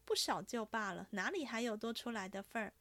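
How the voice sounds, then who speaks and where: A quick-witted young maid in a classic storybook reading, as a woman reader puts her on, teasing and scolding with a bright edge. Her voice sits fairly high, and the recording is close and dry. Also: expressive, no room sound. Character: clever, witty young maidservant, quick to tease.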